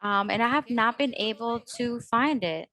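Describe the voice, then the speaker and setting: A woman's voice: on the high side, moderate pace, fairly bright tone, low-quality recording. A woman hosting a healing workshop, speaking hesitantly with many fillers and restarts. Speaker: host. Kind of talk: workshop talk.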